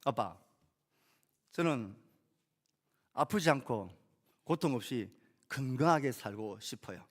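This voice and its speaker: A man's voice: mid-range voice, expressive, slow. A man voicing an upset infant boy who protests to his father with pleading questions, inside a sermon.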